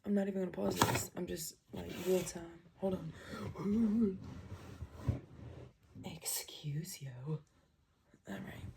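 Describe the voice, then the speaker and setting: A young woman reads tarot casually from home in the early morning as birds chirp outside the small room, though the setting is described as night. Her voice is lowish, creaky and steady, slow with frequent pauses, and she rambles, trails off and interrupts herself. There is background noise.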